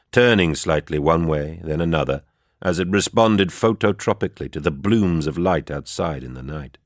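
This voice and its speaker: A man reading a story aloud in a steady, measured way for a book club. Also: deep voice, no echo, clean studio sound. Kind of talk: audiobook-style narration.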